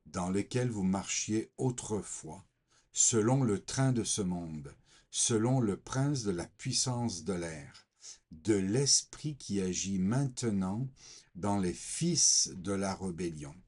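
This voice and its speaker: Low, slow, husky man giving testimony. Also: lively intonation, a little mellow. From Portugal. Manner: slow, hesitant, many fillers. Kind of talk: personal testimony with scripture reading.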